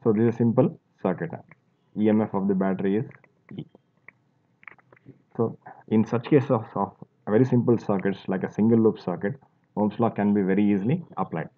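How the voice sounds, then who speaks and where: A man's voice: lowish voice, steady tone, fairly quick, pauses often. A man teaching a physics lesson, explaining step by step as he draws, with fillers and restarts. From India. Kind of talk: classroom lecture while drawing. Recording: tinny phone-like audio.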